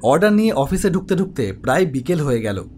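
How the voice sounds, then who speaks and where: Talking fast, a man with a high-leaning, darkish voice and big pitch swings plays an office web developer narrating his own ghost story. It's scripted first-person horror, dramatic, suspenseful and reflective, recorded over music with a slight hiss or hum.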